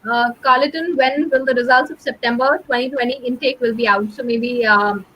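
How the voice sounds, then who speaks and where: A woman hosting a webinar off the cuff and reading out audience questions, with hesitant pauses. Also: sits high, fairly even intonation, sharp tone, a little hiss or hum, poor audio.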